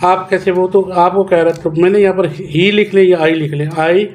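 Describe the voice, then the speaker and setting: A man teaching children a homework lesson, slowly dictating and repeating words syllable by syllable. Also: high voice, fairly even intonation, a little hiss or hum.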